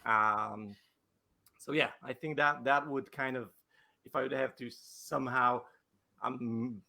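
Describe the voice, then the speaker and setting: A man's voice: mid-range voice, steady tone, slow pace, creaky, sharp tone. A male wedding photographer answering interview questions over a video call, hesitant, with many fillers and restarts.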